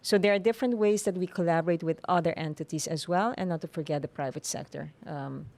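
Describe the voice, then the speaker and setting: A woman with an Aruban accent explaining things formally and in measured, hesitant phrases as an interview guest. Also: on the low side, darkish tone. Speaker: tourism authority official, interview guest.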